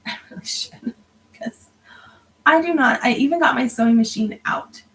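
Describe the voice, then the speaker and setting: A tired woman in her thirties, yawning now and then, chats casually while stitching on her crafting livestream, often slipping into a half-whisper to count stitches. Her voice is on the high side and a bit bright, at normal speed, though the audio is poor.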